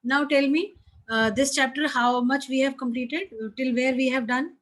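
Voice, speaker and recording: A woman's voice: sits high, steady tone, moderate pace, a bit bright. A woman with an Indian accent teaching a class informally, mixing some Hindi into her English and addressing pupils affectionately. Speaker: school teacher.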